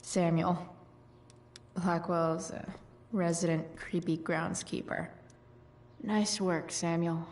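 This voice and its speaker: Rebellious teen girl, slow wry drawl, lowish voice, slangy, sarcastic, video game dialogue. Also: flat delivery, darkish tone. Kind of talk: video game dialogue and muttered inner commentary.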